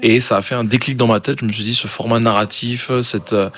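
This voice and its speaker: A man's voice: medium pitch, steady tone, brisk, fairly bright tone. A man who grew up in Ghana, a manga artist fluently explaining his work in an interview. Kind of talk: interview answers.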